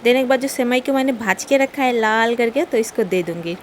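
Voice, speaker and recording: Young woman, casual home vlog, fairly high voice, faint room hum. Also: brisk. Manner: chatty, laughs while telling. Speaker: vlogger. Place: home kitchen.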